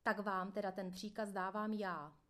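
Harsh prison commander, read by a woman, barking orders, quick-tempered, audiobook. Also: medium pitch, fairly even intonation, a bit bright, close to an everyday voice. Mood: commanding.

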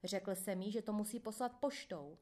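A woman's voice: mid-range voice, warm tone, lightly acted. A woman voicing a flustered, defensive male police interrogator in a storybook reading. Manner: defensive, placating.

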